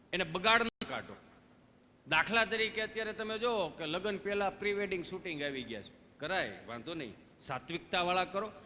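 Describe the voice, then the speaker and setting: A man's voice: sits high, slight background noise. A male folk comedian with a Kathiawadi Gujarati accent, telling stories on stage and acting out every part of the dialogue. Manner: animated, acts out dialogue in different voices. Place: stage before a live audience. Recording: reverberant hall with faint music.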